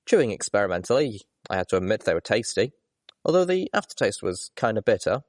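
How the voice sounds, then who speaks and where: An audiobook reader, a man with a fairly low voice, narrates a first-person story expressively and at a fast clip. The recording is dry, with little room sound.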